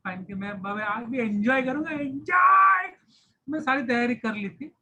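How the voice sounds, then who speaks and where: A man's voice: very high-pitched, brisk, fairly bright tone, slight background noise, rough recording. A male teacher in his thirties breaks from the lesson to tell a comic story about himself. He talks animatedly, switches between Hindi and English phrases, and acts out groans of pain along the way. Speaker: science teacher. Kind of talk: storytelling aside in a class.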